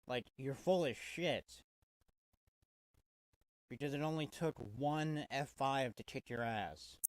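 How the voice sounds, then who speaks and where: A man's voice: mid-range voice, takes it slowly, no echo. A man giving a casual, swear-heavy wrestling review, exasperated and full of restarts. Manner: profane, exasperated, stumbling restarts.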